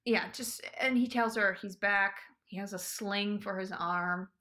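Bright-voiced woman recapping with a friend. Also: mid-range voice, measured pace. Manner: narrates events plainly, swears casually. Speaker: podcast co-host. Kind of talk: casual recap chat.

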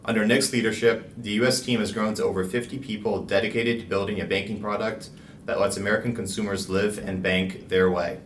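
A man's voice: on the low side, fairly even intonation, fairly quick, a little hiss or hum. A man hosting a podcast, reading a polished introduction and asking interview questions. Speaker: podcast host. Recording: roomy, distant from the mic.

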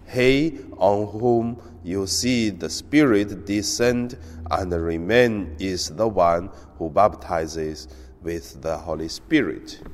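Slow-spoken priest in cathedral echo. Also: male voice, low voice. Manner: slow, halting delivery with frequent hesitations. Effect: cathedral echo, long church reverb. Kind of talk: gospel reading and homily. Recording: long reverb of a large church.

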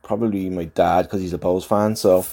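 Deep, mellow Dublin man, casual and rambling. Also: steady tone, moderate pace. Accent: Dublin Irish, slightly softened. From Dublin, Ireland. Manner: hesitant, rambling, colloquial. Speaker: overseas football supporter leaving a voice message. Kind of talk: casual, off-the-cuff chat.

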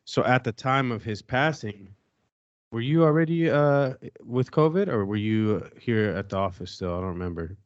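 A man's voice: medium pitch, animated, normal speed, dry recording, highs cut off. A man hosting a casual podcast chat, laid-back and rambling as he steers the talk. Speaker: podcast host.

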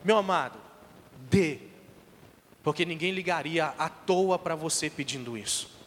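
High-voiced Brazilian man preaching in a hall. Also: a little slow, a bit bright. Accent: Brazilian Portuguese. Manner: emphatic, exhorting the congregation directly. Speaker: missionary giving testimony in church. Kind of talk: church testimony sermon. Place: church hall. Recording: long reverb of a large hall.

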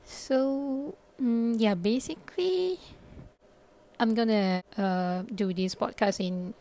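A young Malaysian woman whose native language is Malay hosts her own podcast, talking solo in a casual, think-out-loud style packed with fillers and restarts. Her voice is fairly high and warm, and she takes her time.

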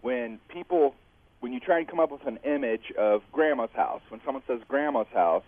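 A man's voice: mid-range voice, lively intonation, moderate pace. Man calling in over a tinny phone line. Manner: reflective, heartfelt, chuckles between thoughts. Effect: heard over the phone. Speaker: radio caller. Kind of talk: call-in chat.

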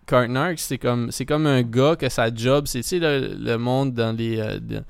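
A man's voice: mid-range voice, unhurried, gravelly, clear, resonant tone, no room sound. A man with a Québécois French accent telling a story in a casual chat, rambling with lots of fillers and dropping in English words.

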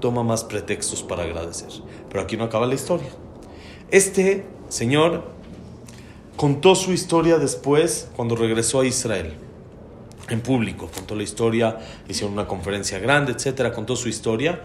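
A man's voice: medium pitch, animated, moderate pace, a little hiss or hum. A man, a religious teacher telling a heartfelt, emphatic story in a sermon. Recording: roomy hall with faint background ambience.

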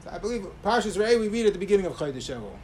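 A high-voiced man delivers a rabbi's Torah lecture. His delivery is emphatic, rising on key phrases and dropping into softer asides. There is clear noise behind the recording. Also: big pitch swings, very fast. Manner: emphatic, swinging between raised stress and softer asides. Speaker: rabbi giving a religious talk. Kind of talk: sermon, Torah lecture with Hebrew quotations.

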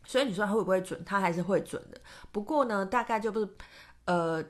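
A woman's voice: mid-range voice, quick pace. A woman with a Taiwanese Mandarin accent hosting a solo podcast, chatting casually and rambling with many fillers and restarts. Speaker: podcast host and tarot reader.

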